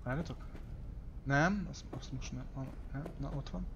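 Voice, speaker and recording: A man's voice: mid-range voice, highs cut off, background noise. Chatty man narrating his game, swearing. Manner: chatty, thinks aloud, swears at mistakes. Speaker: gamer streaming a playthrough. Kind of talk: casual let's play commentary.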